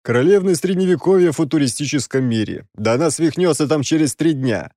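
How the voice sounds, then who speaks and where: A man voicing an exasperated six-armed male demon who scolds loudly and sarcastically, in a dry, close recording. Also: fairly high pitch, animated, brisk, no room sound, voice pushed up.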